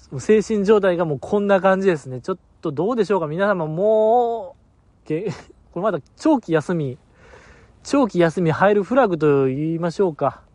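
A man's voice: high voice, lively intonation, moderate pace, pauses often, darkish tone, no room sound. A man hosting a podcast alone, chatting casually in a rambling, self-mocking and sleepy way. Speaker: podcast host. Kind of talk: casual solo podcast chat.

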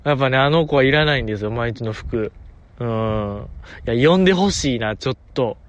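A mid-range male voice with lively intonation and a fairly quick delivery carries this solo talk show, where the Kansai-accented host chuckles through excited fan banter. The audio sounds dull.

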